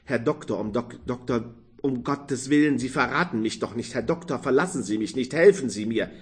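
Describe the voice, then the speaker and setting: A man voicing a fat, drunken fruit merchant who swings between loud exuberance and frantic, pleading fear in an audiobook. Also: mid-range voice, normal speed, slightly rough, natural voice. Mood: desperate. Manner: boisterous shouting, then frantic pleading.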